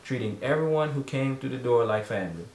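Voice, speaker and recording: Playing a father reading aloud at home, a man narrates a children's storybook in a mid-range voice with lively intonation and a quick pace. He is away from the microphone, and the room is echoey.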